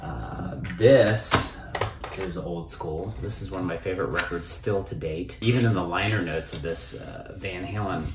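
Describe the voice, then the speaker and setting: An American man in his fifties talks casually to the camera like a vlogger from a small indoor home office, in a distant, echoey and noisy recording. He has a deep voice and measured pace, and his nostalgic, conversational talk rambles from thought to thought.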